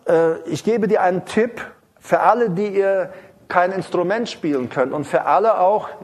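A man preaching an informal sermon in a rambling, digressive way, with many fillers and restarts, breaking into sung praise and tongues between sentences. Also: a little high.

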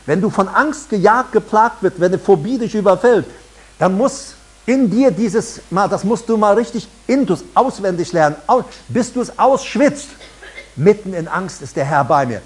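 Husky, animated German man preaching. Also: high-pitched. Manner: preaching emphatically with rising and falling delivery. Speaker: pastor. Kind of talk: sermon.

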